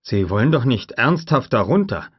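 Nervous lawyer, panicky and protesting, dull lo-fi sound. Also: male voice, very animated, normal speed, slightly rough, no room sound. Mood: anxious. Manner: anxious, high-pitched protesting. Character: jittery, frightened male lawyer. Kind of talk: audiobook character voice.

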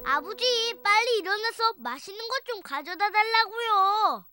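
A woman's voice: extremely high pitch, expressive, normal speed, bright, forceful tone, soft background music, heavily acted. A bratty spoiled boy. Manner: bratty, demanding. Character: rude spoiled young son in a folk tale. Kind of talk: children's TV story acting.

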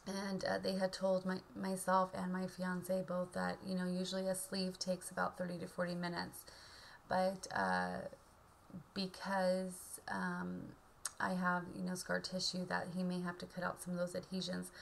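A woman in her thirties talking casually and haltingly in a subdued way, as in a video diary recorded at home on a webcam. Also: on the low side, steady tone, vocal fry, a little hiss or hum. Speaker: vlogger. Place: indoor room at home. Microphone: webcam or laptop mic at arm's length.

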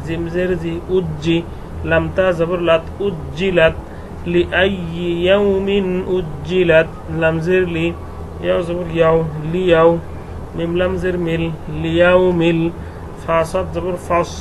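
A man leads a Quran reading lesson, breaking words into letters and vowel marks and blending them slowly. His voice sits a bit high and stays flat and even. A faint hum of air conditioning runs underneath. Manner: slow, syllable-by-syllable recitation drill.

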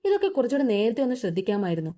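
A calm young man, resentful toward his sisters, speaking quietly and evenly in a mellow voice, as a woman reader puts him on. The sound is dull and lo-fi. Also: on the high side. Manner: quiet, measured.

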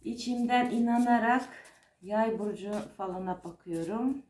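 A woman's voice: a little high, a little slow, a little mellow. A woman fortune teller giving an informal, unscripted card reading, explaining hesitantly and repeating herself as she goes. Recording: roomy, echoing home-style recording.

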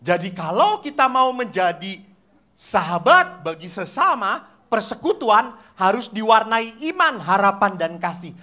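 Lively priest preaching. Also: male voice, sits high, measured pace. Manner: animated storyteller acting out voices and asking the audience questions. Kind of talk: lively sermon to a live congregation.

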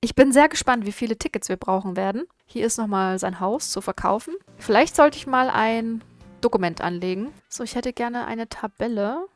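A woman's voice: on the high side, expressive, moderate pace, dry recording, faint music behind. A woman chatting casually through a video game, talking to its characters and giggling often. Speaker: gaming YouTuber. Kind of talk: casual gameplay commentary.

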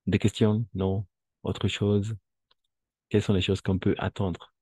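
A man's voice: lowish voice, little pitch movement, slow, darkish tone, husky, no echo. A man teaching a French lesson, patiently explaining and switching between French and Spanish. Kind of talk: online language lesson.

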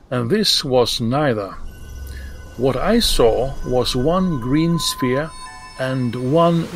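Calm Swedish man telling a story. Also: mid-range voice, slight background noise. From Sweden. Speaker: listener sharing a story. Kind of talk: recorded voice message story.

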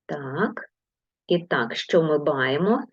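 A woman's voice: deep voice, lively intonation, slow pace, breathy edge, no echo, muffled recording. A woman teacher giving a video lesson to young pupils, patient and encouraging as she gives instructions. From Ukraine. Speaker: primary school teacher.

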